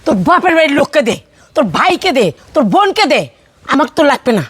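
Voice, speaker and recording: A woman playing an elderly, combative mother-in-law who shouts accusations. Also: high voice, animated, quick pace, dry recording. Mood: furious. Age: older. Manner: shouting, accusing, repetitive demands. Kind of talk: melodramatic family drama acting.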